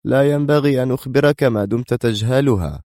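A man voicing a curt young male bodyguard in an audiobook, with a hoarse, dry, clipped voice. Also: medium pitch, a little fast, darkish tone, dry recording, pitched above the performer's own voice, close to an everyday voice.

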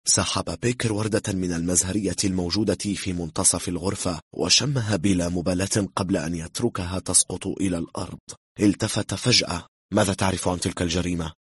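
A man reading a thriller novel aloud in a steady, measured narrating voice. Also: low-pitched, breathy edge, no echo. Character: calm, cool-headed man bluffing.

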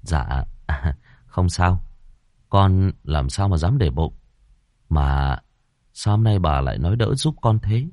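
A man's voice: deep voice, expressive, slow, pauses often, dark tone, dry recording, studio quality, heavily acted. A man voicing a shy, humble young servant who answers hesitantly in a horror storybook reading. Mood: flustered.

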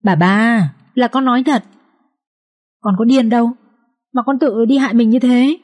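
A woman's voice: fairly high pitch, moderate pace, a little mellow, voice pushed up, natural voice. A woman voicing a scheming young pregnant maidservant in a storybook reading, pleading tearfully in a raised, whining voice.

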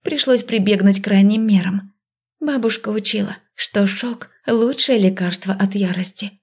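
A woman reading a first-person novel aloud with lively storytelling. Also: medium pitch, moderate pace, breathy edge. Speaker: audiobook narrator. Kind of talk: first-person audiobook narration.

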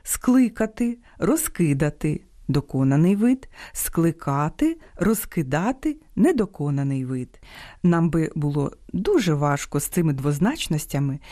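A woman hosting an educational radio program, reading a script in a measured, precise way. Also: low-pitched, dark tone, no room sound, clean studio sound. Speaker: radio host. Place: radio studio.

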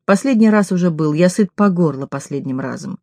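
A woman reading an audiobook voices a calm, stern young man who speaks curtly and with contempt. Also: fairly low pitch, fairly quick, dry recording, clean studio sound. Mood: cold, contemptuous. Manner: cold, curt, contemptuous.

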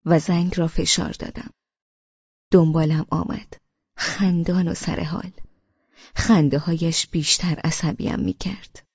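A woman narrating a novel in the first person, with expressive storytelling. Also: low voice, long pauses, breathy edge, dry recording, muffled recording. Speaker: audiobook narrator.

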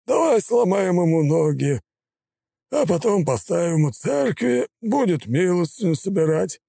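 A bloated, sneering gangster boss drawls his taunts in a high, slow voice. He sounds smug and cruel. The recording is dry and close. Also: creaky, dark tone, no echo, exaggerated voice. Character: fat sneering male gangster boss, mocking.

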